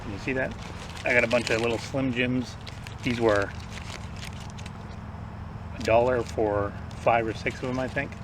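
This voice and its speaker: A man casually rambling through survival gear as a vlogger, offhand, his speech slightly off after having teeth pulled. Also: on the low side. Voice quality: slightly impaired speech after tooth extraction. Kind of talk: casual product rundown to camera. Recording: distant mic, noisy outdoor ambience.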